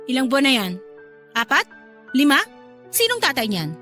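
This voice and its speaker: An actress playing a jealous pregnant wife in a radio drama, confronting and accusing, then shouting hysterically. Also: female voice, high-pitched, huge pitch swings, normal speed, faint music behind, exaggerated voice.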